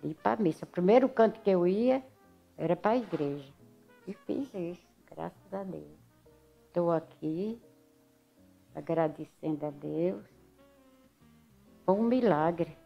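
A woman's voice: on the low side, takes it slowly, creaky, long pauses, muffled recording, soft background music. An older woman with a Northeastern Brazilian accent from Alagoas, telling her story in a casual interview and acting out what others said. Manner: lively storyteller who acts out other people's words.

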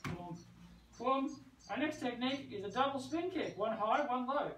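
A middle-aged martial arts teacher with a very high, lively voice speaks at normal speed while demonstrating moves, casual and playful, adding sound words as he goes. A camera several metres off on an outdoor covered brick veranda captures him, giving a roomy echo and clear background noise.

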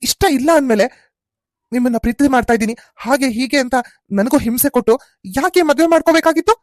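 A woman voicing a quick-tempered young husband in a cartoon serial, arguing defensively with his wife. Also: sits high, dry recording, studio quality, close to an everyday voice.

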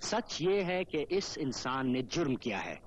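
A man's voice: medium pitch, very animated, unhurried, lo-fi sound, a little hiss or hum. An actor playing an earnest, principled young male lawyer who speaks firmly and defiantly, in 1980s film drama dialogue. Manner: earnest, firm, declaiming.

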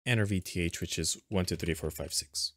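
A man records an unscripted voice-over for a software tutorial, guiding viewers step by step in a plain, instructional way. His voice is low-pitched and fairly quick, and the studio sound is clean without echo.

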